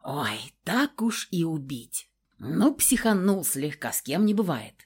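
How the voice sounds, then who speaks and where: A woman's voice: low-pitched, sing-song, a little slow, darkish tone, slightly rough, heavily acted. Woman playing a smug, cocky warlock. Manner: smug, drawling, unbothered. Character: cocky, smug young male warlock, brash and shameless.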